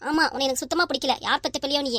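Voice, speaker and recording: A woman's voice: high voice, no room sound. A woman voicing a stubborn, quarrelsome grandmother. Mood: scornful. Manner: sharp, scolding, rapid-fire. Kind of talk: cartoon family comedy voice acting.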